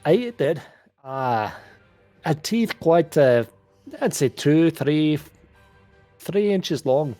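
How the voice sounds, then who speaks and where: Man with a lively, dry voice. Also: fairly high pitch, slow pace, pauses often, dry recording, soft background music. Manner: hesitant, restarts and rambles. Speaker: player. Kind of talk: tabletop role-play chat.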